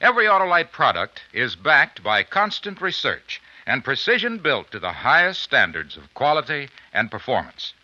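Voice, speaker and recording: Forceful, bright American radio pitchman. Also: big pitch swings, normal speed, few pauses, no room sound. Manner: emphatic, polished salesman delivery. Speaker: sponsor announcer. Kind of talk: 1950s radio commercial announcing. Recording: dull vintage radio recording.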